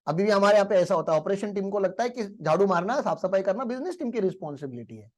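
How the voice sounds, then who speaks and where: A man's voice: high voice, animated, quick pace. Guy teaching a class, tells stories, throws questions at the room, voice swings up and down a lot. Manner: storytelling with rhetorical questions. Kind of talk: motivational lecture.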